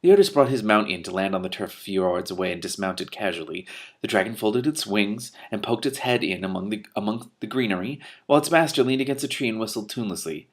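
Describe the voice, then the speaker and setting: Talking fast in a voice on the low side, a man reads a fantasy book aloud with plenty of expression and offhand commentary. He brings energy to the dialogue but occasionally stumbles and has to reread.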